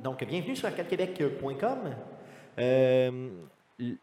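A man's voice: mid-range voice, a little slow. A man with a Quebec French accent co-hosting a gaming podcast, jokey and laughing, his mic drenched in a canyon-like echo. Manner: joking, laughing, lively. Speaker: podcast co-host. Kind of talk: casual gaming podcast chat.

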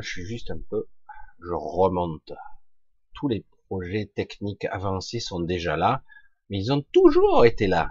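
A man with a raspy, scratchy-throated voice delivers an opinionated, informal monologue. His intonation swings widely as he hammers his points with rhetorical questions and blunt slang. The sound is dull and lo-fi. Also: lowish voice, no room sound. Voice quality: husky, raspy. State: throat scratchy with occasional coughing. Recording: dull, lo-fi close recording.

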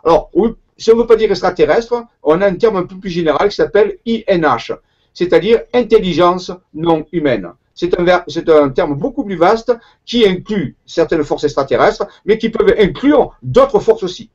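A man's voice: high voice, expressive, normal speed, darkish tone, muffled recording. A man with a Marseille accent, speaking as an interview guest in a hesitant way, with lots of fillers and restarts. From Marseille, southern France. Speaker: guest researcher. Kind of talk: conversational interview.

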